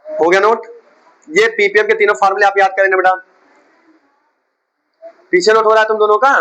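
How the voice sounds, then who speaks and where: A man's voice: high-pitched, fairly even intonation, fairly quick, fairly bright tone, poor audio. A man teaching a chemistry class in a coaching centre, questioning and scolding his students as he explains.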